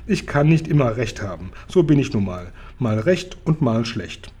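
A good-natured storybook giant who trips over his own words, played by a man with a dark, mellow, slightly husky voice that he lifts a little higher and louder than his reading voice. He speaks in a homely, folksy way. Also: big pitch swings, moderate pace. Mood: earnest. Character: kind big friendly male giant.

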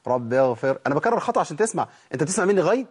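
An Egyptian man with an Egyptian Arabic accent teaches Quran recitation in a recorded lesson, posing rhetorical questions and answering them himself. His high, expressive voice is rapid-fire with a breathy edge, and he draws out letter sounds in repeated demonstrations.

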